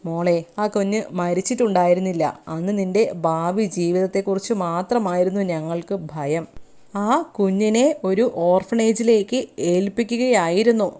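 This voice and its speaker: A woman voicing a protective older brother, reading his lines loudly and quickly, scolding and coaxing. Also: medium pitch, fairly even intonation, lightly acted. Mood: worried, defensive.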